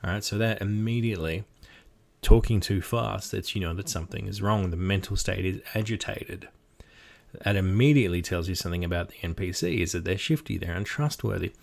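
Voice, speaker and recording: Speaking a little fast in a low voice with vocal fry, a man teaches his game-master technique in a relaxed lesson on voicing characters. He demonstrates as he goes, alternating explanations with character voices.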